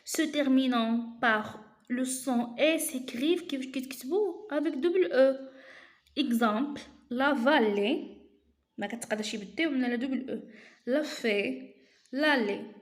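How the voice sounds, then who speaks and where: Woman teacher, Moroccan accent, patient step-by-step explainer, fairly high voice, roomy echo. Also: normal speed. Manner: explains step by step, repeating key terms. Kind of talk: explaining a lesson.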